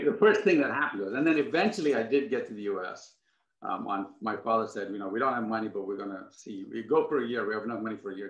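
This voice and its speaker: A man's voice: fairly low pitch, a bit bright. Ghana-born man telling his story on a video call. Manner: earnest, many restarts and asides. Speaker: guest. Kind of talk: conversational storytelling. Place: home room with wooden furniture. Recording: echoey room, muffled sound.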